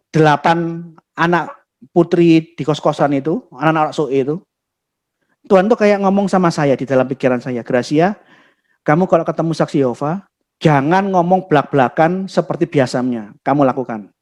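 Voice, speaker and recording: A young woman speaking at a theology webinar, blunt, emphatic and scornful, telling stories with soft acted-out quotes. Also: on the low side. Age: young adult. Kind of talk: heated teaching talk.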